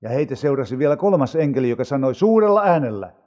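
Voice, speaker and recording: A man reading scripture aloud for an audio Bible in a measured, unhurried way. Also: medium pitch, very animated, a little mellow, long reverb tail, highs cut off.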